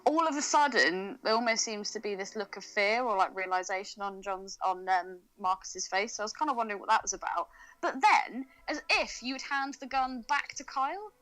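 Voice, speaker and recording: Lively, bright-voiced woman. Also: mid-range voice, normal speed, rough recording. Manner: chatty, laughs often, thinks aloud with fillers. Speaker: podcast co-host. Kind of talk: casual film discussion. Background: faint music.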